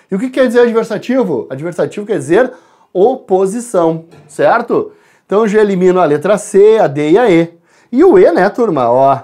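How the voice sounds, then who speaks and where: Lively male teacher, chatty lesson, speaks to the class and parents. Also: high voice. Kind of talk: exam answer walkthrough.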